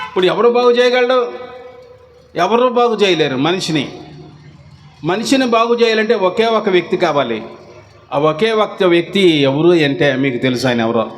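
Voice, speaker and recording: A man's voice: sits high, a little hiss or hum. A man with a Telugu accent preaching a sermon as pastor, firing rhetorical questions and urging the crowd to answer back. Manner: rhetorical questions and repeated call-and-response urging.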